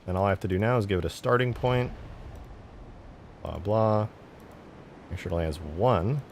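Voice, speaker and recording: A man with a lowish, creaky voice talks at a normal pace while live streaming his work on a game mod. He chats casually with viewers and thinks aloud in short fragments, muttering his steps to himself. There's slight background noise.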